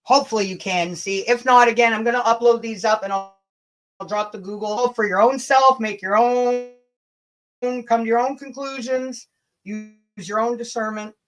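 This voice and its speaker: On a low-quality recording with soft music behind her, a Canadian livestream host speaks in a fairly high voice, fairly even in intonation and at a moderate pace. She mixes casual chat with dramatic email readings, blunt, sarcastic and full of swearing.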